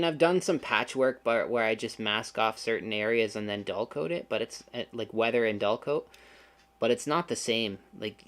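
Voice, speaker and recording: A man's voice: on the low side, a bit bright. A man hosting a casual livestream, chatting with viewers and making sarcastic, joking asides. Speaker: channel host.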